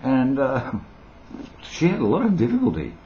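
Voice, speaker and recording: A man in his sixties, once a radio broadcaster, chats in a casual vlog with a mild Australian accent. His mid-range voice swings hugely in pitch and moves a little slowly as he rambles playfully and eccentrically, chuckling often. It sounds like a dull lo-fi home recording.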